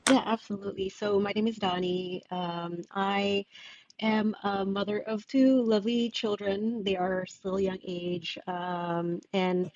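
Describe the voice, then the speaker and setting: A woman, a guest in an interview who talks thoughtfully, pausing and restarting as she searches for words. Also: mid-range voice, steady tone. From Indonesia. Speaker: guest author. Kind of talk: casual interview conversation. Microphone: video call. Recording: dull dry video call audio.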